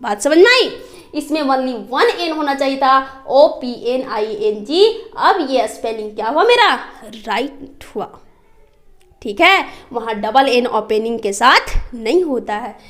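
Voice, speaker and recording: Young female teacher with a high-pitched voice; patient classroom explainer who checks understanding after every point. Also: expressive, fairly bright tone. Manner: constantly quizzes students, checks understanding; slow, spelled-out explanations. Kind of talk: classroom lesson.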